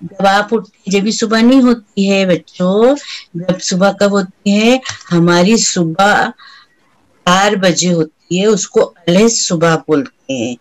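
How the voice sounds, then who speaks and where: Slow sing-song woman teaching children. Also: medium pitch, rough recording. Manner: slow, sing-song recitation with sound imitations. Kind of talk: teaching a children's rhyme lesson.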